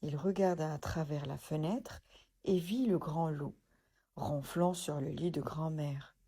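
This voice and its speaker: A woman reading a children's storybook aloud, gentle and expressive. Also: low-pitched, measured pace, husky.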